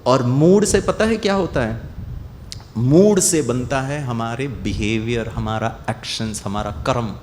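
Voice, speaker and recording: A man with an Indian accent giving a motivational talk to athletes, telling stories and acting out scoldings with lively shifts. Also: medium pitch, measured pace, slight background noise. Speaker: motivational speaker.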